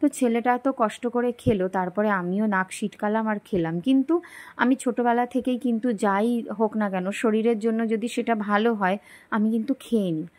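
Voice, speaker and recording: A young woman, talking softly and slowly through a daily vlog while feeling unwell. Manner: soft, slow and low-energy. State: unwell and tired. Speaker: vlogger. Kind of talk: daily life vlog voice-over.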